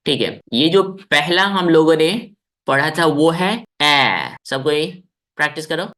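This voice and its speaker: A man's voice: mid-range voice, bright, forceful tone. A man teaching children in a live online class over a video call, coaxing them, checking in often and demonstrating sounds.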